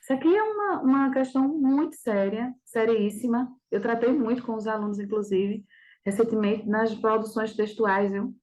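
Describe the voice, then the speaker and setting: Woman teacher, fairly high voice, didactic, checks in with listeners, exam review lesson. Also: normal speed, a little mellow, rough recording. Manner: didactic, with frequent checking questions. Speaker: Portuguese teacher.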